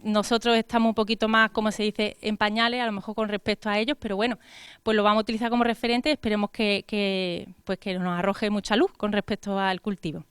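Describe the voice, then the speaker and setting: A woman's voice: medium pitch, flat delivery, fast talker, smooth, dry recording. A woman presenting a technical seminar as organizer, informal and chatty, with filler words. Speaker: event organizer.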